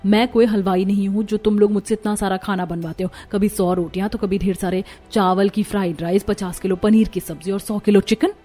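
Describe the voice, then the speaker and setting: A woman's voice: mid-range voice, steady tone, a little fast, few pauses, dark tone, faint music behind, natural voice. A woman voicing an overworked young daughter-in-law in a cartoon, complaining and exasperated. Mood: angry. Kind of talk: Hindi cartoon voice acting.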